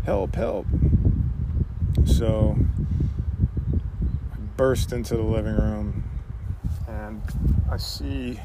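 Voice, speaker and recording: A man telling a personal story in a halting way, full of "you know" fillers. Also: on the low side, heavy background noise.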